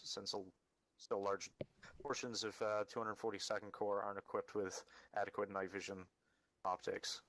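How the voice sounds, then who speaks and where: A man leading a military-style game mission briefing, matter-of-fact and directing, with halting delivery. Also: lowish voice, fairly bright tone, dry recording, poor audio. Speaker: mission leader briefing a team.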